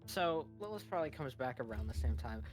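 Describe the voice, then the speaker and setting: Woman, game master, very deep voice, lively pitch, giggly, chatty narration. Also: brisk, faint music behind. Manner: giggly, chatty, scene-setting.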